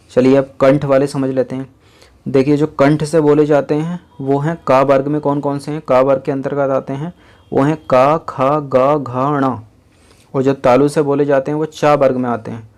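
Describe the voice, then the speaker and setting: A man teaching a lesson in an explanatory classroom style, repeating each point slowly and counting items aloud. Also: mid-range voice, darkish tone.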